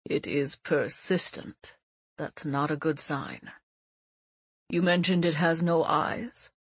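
A woman reading as an older man who leads a manor, calm, gentle and reassuring. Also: low voice, slightly rough, dry recording, heavily acted. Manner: measured and reassuring. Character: elderly male leader, calm, gentle, wise.

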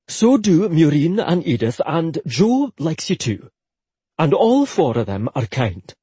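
A man's voice: fairly high pitch, very animated, warm tone, husky, no room sound, pitched above the performer's own voice, full character voice. A man doing a solemn young Scottish brother. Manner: solemn, measured.

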